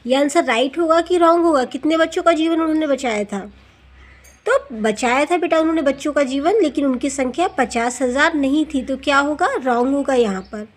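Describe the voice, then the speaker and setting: A woman's voice: sits high, fairly quick. A woman teacher going through exercises for students, asking questions and answering them herself, words into her speech. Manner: addresses students as beta, asks and answers own questions. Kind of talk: classroom lesson explanation.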